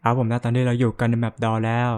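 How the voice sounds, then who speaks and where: A man talks through a game in a casual, joking way, cursing freely and breaking into startled yelps whenever something jumps out. His voice sits at an ordinary middle pitch for a man. Faint music plays underneath. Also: monotone, fast talker. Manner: joking, swears a lot, yelps and panics at scares. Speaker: gaming YouTuber. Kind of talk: casual let's-play commentary.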